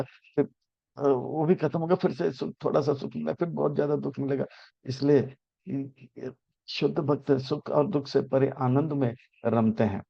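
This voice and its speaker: A man giving a devotional discourse on scripture and telling stories, pausing often with filler sounds and restarts. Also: medium pitch, vocal fry, slightly rough, muffled recording. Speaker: spiritual teacher explaining scripture.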